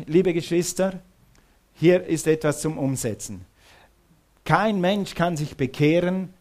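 A man's voice: fairly high pitch, darkish tone. A middle-aged man preaching a sermon, emphatic, repeating questions to his listeners.

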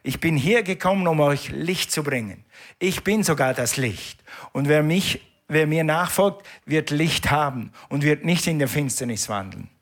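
A man's voice: fairly high pitch, expressive, normal speed. A man preaching a sermon in a church, emphatic and repetitive, calling the congregation to respond. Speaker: pastor.

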